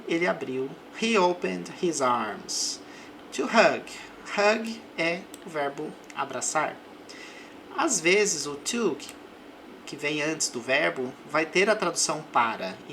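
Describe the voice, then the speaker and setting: A man with a Brazilian Portuguese accent teaching English, explaining words patiently and slowing down to model each example phrase. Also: on the high side, bright, forceful tone, a little hiss or hum. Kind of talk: slow explanatory language lesson.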